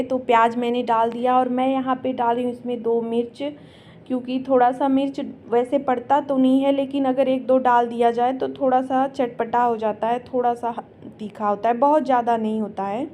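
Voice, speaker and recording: A woman's voice: fairly high pitch, darkish tone, slight background noise. A woman, a mother, narrating her home vlog in a chatty, explanatory way with homely asides. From India. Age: adult mother. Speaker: home vlogger. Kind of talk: casual voice-over narration of a home cooking and cleaning vlog.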